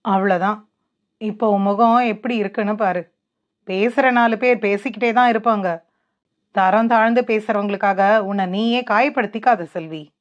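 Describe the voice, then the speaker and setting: A woman's voice: medium pitch, moderate pace, lightly acted. A woman voicing a caring young husband who speaks steadily and reassuringly. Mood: soothing. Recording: dull lo-fi.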